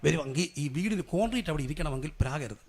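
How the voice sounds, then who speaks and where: A middle-aged male pastor preaching a sermon, firing rhetorical questions at the congregation for them to answer and building to loud, fervent prayer. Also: on the high side, lively intonation, quick pace, breathy edge.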